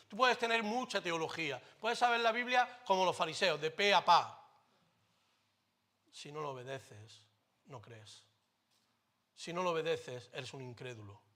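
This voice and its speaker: A pastor with a Spain Spanish accent preaching a sermon in church into a microphone. He swings between loud declarations and quiet, close asides, with light jokes along the way. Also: on the high side.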